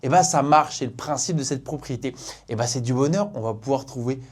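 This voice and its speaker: A woman's voice: very deep voice, brisk, darkish tone. A woman with a Norman French accent teaching a math lesson, playful and speaking directly to the student.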